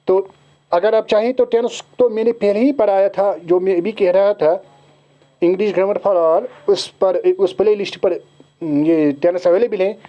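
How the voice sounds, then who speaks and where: A male teacher with a Kashmiri accent explaining an exam syllabus to his students, switching into slow, deliberate English at times. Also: high voice, mellow. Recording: dull lo-fi recording.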